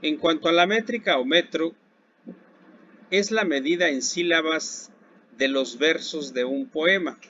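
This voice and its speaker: A man with a Mexican accent gives a recorded lesson in a slightly higher voice. He talks very slowly, poses questions and answers them himself. The recording is dull and lo-fi, with faint hiss in the background. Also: bright, forceful tone. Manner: slow, deliberate, asks questions and then answers them. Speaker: secondary school Spanish teacher.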